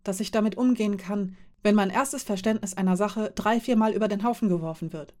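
A woman's voice: mid-range voice, fairly quick, a little mellow, natural voice. A woman reading the lines of a curious, polite young woman who asks eager, apologetic questions.

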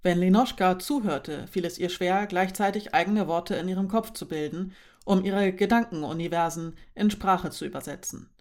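A woman narrating a story in a calm, even audiobook reading. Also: on the low side, normal speed.

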